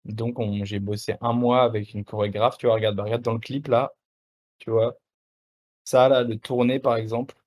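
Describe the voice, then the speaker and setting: A young adult man, a musician guest in a casual interview, talking in a relaxed, slangy way with many fillers and restarts. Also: mid-range voice, moderate pace.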